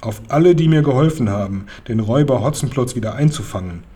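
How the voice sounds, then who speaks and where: A man's voice: mid-range voice, expressive, fast talker, warm tone, lightly acted. A man voicing a pompous, hearty middle-aged police sergeant in a children's storybook reading.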